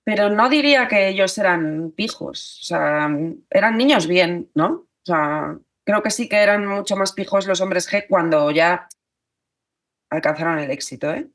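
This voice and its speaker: A woman's voice: lowish voice, unhurried. A woman, a journalist and author talking as a podcast guest, thinking aloud with many fillers and restarts. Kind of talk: podcast interview.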